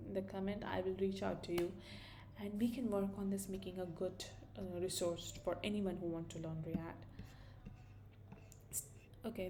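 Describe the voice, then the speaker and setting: Her mid-range voice has vocal fry and a warm tone, with a little hiss or hum in the recording. She's a young Indian woman with an Indian accent, casually thinking aloud through a screen-recorded coding tutorial, full of fillers and self-corrections.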